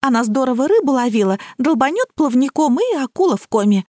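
A woman's voice: sits high, sing-song, brisk, warm tone, dry recording, clean studio sound, voice pushed up. Woman doing a ditzy doll-like girl. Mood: chirpy. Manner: lisping baby talk, whimpering and chirpy. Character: ditzy, doll-like young woman, childish and pleading. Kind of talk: audiobook character voice.

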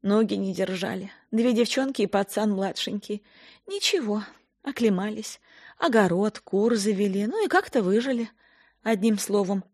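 A woman's voice: mid-range voice, moderate pace, darkish tone, voice pushed up, natural voice. Woman doing a blunt, stern village woman. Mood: stern storytelling. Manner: plain-spoken storyteller, blunt and earthy.

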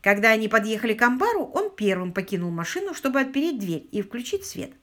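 A woman narrating an audiobook with expressive storytelling. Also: on the high side, fast. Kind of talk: scripted narration.

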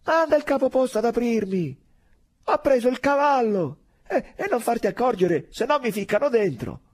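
A man voicing a desperate young soldier who shouts high and frantic in panic. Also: slow. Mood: urgent. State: crying out in panic.

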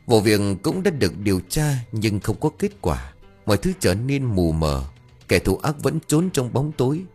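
A man narrating a dark folk tale in an expressive, dramatic way. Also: fairly low pitch, moderate pace, husky. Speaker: storyteller. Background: faint music.

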